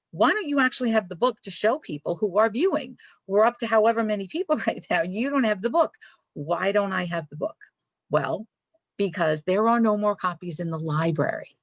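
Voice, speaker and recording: Effusive and chatty, a Brooklyn-born librarian hosts a live author chat at the library, her Brooklyn accent clear. She has a mid-range voice, recorded dry.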